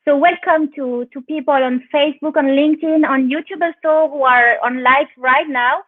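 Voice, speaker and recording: A woman's voice: high-pitched, fairly even intonation, moderate pace, dry recording. A woman with a French accent hosting a live online interview in English, often repeating words as she searches for them. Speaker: interview host. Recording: tinny phone line, dry.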